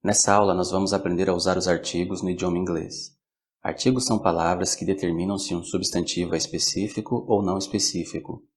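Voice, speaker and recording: A man teaching a recorded language lesson, with slow, clear, measured delivery. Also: low-pitched, little pitch movement. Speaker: English teacher.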